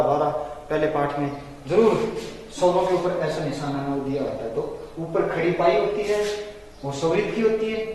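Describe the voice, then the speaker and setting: A man teaching Hindi grammar in a classroom-style lecture, explaining patiently and repeating terms slowly for his students. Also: high voice, a little mellow. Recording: echoey room from far off.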